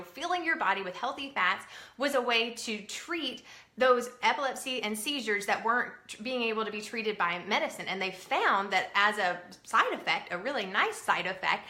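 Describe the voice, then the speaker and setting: A woman's voice: fairly high pitch, pushed and bright, reverberant. A woman in her thirties chatting casually and upbeat to her viewers from home, with many fillers. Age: 30s. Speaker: vlogger. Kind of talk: casual chat to camera. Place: at home indoors.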